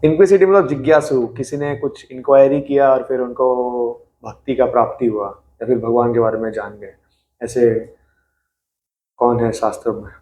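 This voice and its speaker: A man's voice: medium pitch, steady tone, normal speed, dark tone. A man teaching an interactive scripture class, talking in a conversational way, mixing in English and quizzing his listeners. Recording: echoey room.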